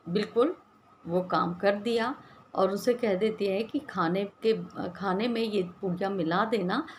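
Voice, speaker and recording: A woman's voice: mid-range voice, a little hiss or hum. Conversational woman storyteller. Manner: conversational, retelling with many "she says" links. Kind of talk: casual story narration.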